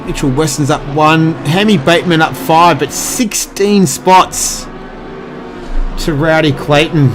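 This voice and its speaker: A man's voice: mid-range voice, background noise. A man giving live, casual motorsport commentary in a conversational play-by-play manner.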